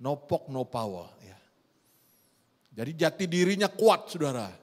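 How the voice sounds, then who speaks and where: A middle-aged man, preaching a sermon in a lively storytelling way and often addressing the congregation directly. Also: on the high side, a little slow. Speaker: pastor. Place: church hall. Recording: long church hall reverb.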